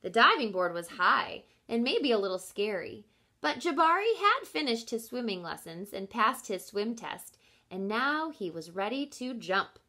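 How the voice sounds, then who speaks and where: A woman in her thirties takes on the role of a teacher reading a picture book aloud, her pitch fairly high and her pace a little slow. Her reading is expressive and instructive, and she addresses the children directly with explanations and questions.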